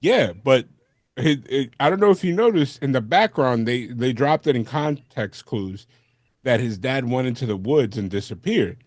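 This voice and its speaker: A man with a medium-pitched voice co-hosts a casual podcast. He explains his points informally, and the recording is dry with no room sound. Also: expressive, moderate pace, a little mellow, dry recording. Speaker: podcast co-host. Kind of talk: casual movie discussion.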